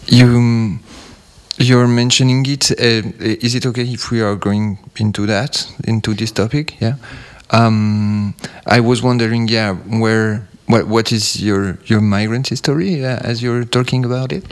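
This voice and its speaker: Guy hosting a radio interview in english, lowish flat voice, halting with lots of ums. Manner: hesitant, many fillers and restarts, curious.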